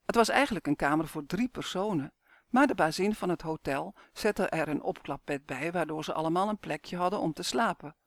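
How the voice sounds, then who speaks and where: A man's voice: fairly high pitch, lively intonation, moderate pace, no echo. Man narrating a children's audiobook.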